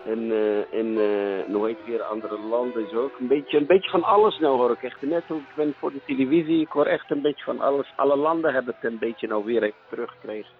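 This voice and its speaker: A man chatting casually, hesitant and halting, often trailing off with fillers. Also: mid-range voice, soft background music. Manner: hesitant, halting, repeats "joh". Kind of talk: casual chat. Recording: dull lo-fi sound.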